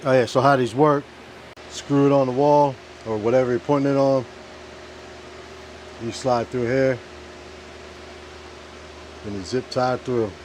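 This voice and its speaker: Male DIY vlogger, offhand and muttery, salty language, medium pitch, some background vehicle noise. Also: steady tone, measured pace, long pauses, darkish tone, rough recording. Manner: offhand, muttering to himself, swearing. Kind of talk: casual hands-on work vlog. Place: inside a food truck. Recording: clear vehicle and fan noise.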